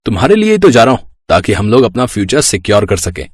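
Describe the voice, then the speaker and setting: A man's voice: fairly low pitch, very animated, fast talker, breathy edge, no echo, studio quality. A man voicing an easygoing young husband in a cartoon story, talking casually and coaxingly.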